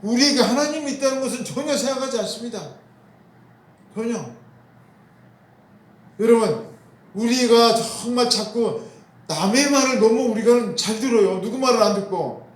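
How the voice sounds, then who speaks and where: High-voiced preaching man in an echoey room. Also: normal speed, long pauses. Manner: asks the congregation questions and answers them himself; repeats key phrases for emphasis. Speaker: pastor. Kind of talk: sermon. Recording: roomy echo.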